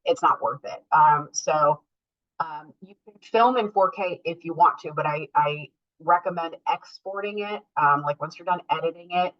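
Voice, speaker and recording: A woman's voice: sits low, moderate pace. A woman teaching an online class over a group voice call, explaining step by step with many filler ums. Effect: heard over an online group voice call. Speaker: workshop instructor. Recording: dull lo-fi call audio.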